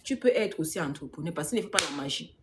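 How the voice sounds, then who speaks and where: A low, expressive female voice moves quickly through a casual live stream, with very noisy audio. She's a business coach answering viewer comments, stressing her points by repeating them, laughing frequently, and slipping English words in.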